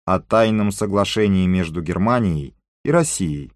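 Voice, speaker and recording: A man's voice: sits low, lively intonation, normal speed, dry recording, studio quality. A man voicing a cautious Greek informant in an audiobook, passing on news in an offhand, matter-of-fact way.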